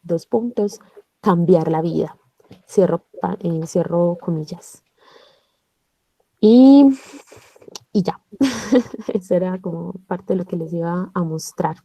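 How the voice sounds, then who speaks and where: A woman's voice: on the low side, takes it slowly, pauses often, warm tone, dry recording. A woman, hesitantly leading a club reading over a video call, with many fillers. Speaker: book club member leading a shared reading. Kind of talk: casual online reading club talk with read-aloud passages.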